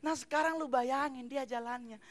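A man doing stand-up on a TV studio stage into a handheld mic, talking loud and animated in slangy street speech. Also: extremely high pitch, normal speed. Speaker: stand-up comedian. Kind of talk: stand-up comedy set. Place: TV studio stage with live audience. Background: audience laughter.

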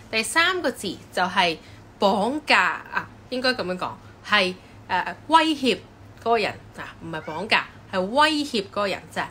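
A woman teaching English pronunciation, repeating each word slowly several times as a drill. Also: mid-range voice, bright, forceful tone, slight background noise. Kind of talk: pronunciation lesson.

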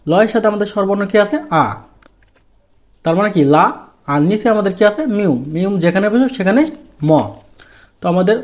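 A man from Bangladesh teaching Korean pronunciation, asking questions and then answering them himself. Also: high-pitched. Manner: drawn-out, deliberate stress on key sounds. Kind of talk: step-by-step pronunciation lesson.

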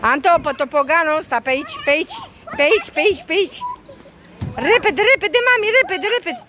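High, lively young mother calling out. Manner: brisk coaxing and cheering, switching between two languages. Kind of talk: calling to children at a playground. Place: outdoor playground.

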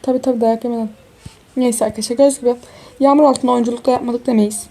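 Speaking rapid-fire in a slightly high, dark-toned voice that stays steady, a gaming YouTuber gives a casual walkthrough of a life-sim game. She sounds tired and young, exclaiming and talking to her viewers as friends.

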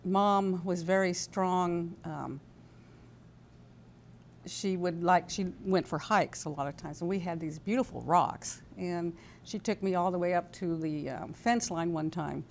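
Seated at a TV studio desk with a lapel mic, a woman in her sixties from California, American-accented, reminisces casually and with some hesitation as an interview guest. She speaks on the low side at a measured pace, and there's slight background noise.

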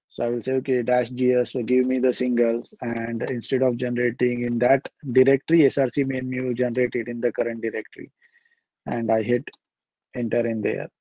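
A young man presenting a live software demo at a meetup over a video call, talking casually and thinking aloud with fillers. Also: medium pitch, dry recording, muffled recording. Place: indoor room.

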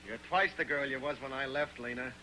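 An actor in an early sound film playing a cocky, pushy young drifter who talks tough in slang. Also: male voice, mid-range voice, fairly quick, sharp tone, slight background noise, poor audio. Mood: coaxing.

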